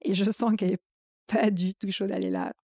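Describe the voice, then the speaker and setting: A woman's voice: mid-range voice, fairly even intonation, a little fast, warm tone, dry recording. A woman guest in a casual interview, telling her career story with many fillers and acting out her own inner thoughts.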